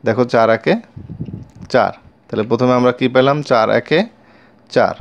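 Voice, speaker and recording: Man slowly reciting times tables. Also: medium pitch, creaky. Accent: Bengali. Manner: slow, repeats each multiplication line twice; addresses pupils directly with questions. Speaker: math teacher. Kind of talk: recited times-table lesson for young children.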